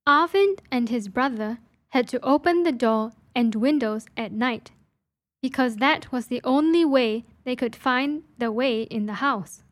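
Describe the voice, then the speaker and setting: A woman narrating a storybook passage for a listening test, reading clearly and carefully. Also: fairly high pitch, measured pace.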